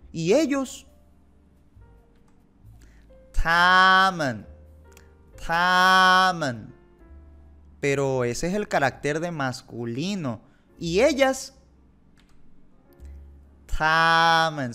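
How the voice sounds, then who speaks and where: A man's voice: fairly high pitch, fairly bright tone, smooth. A young man teaching a beginners' language lesson, patiently repeating words and asking learners questions. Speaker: Mandarin teacher.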